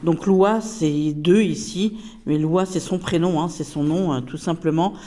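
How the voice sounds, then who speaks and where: A woman's voice: low voice, unhurried, warm tone. A woman casually reviewing a tarot deck, chatty and hesitant with many fillers.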